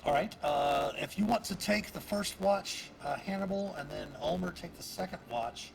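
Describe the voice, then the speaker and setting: Gravelly man running a tabletop game. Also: high-pitched. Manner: halting, many fillers. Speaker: dungeon master. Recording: noisy stream audio.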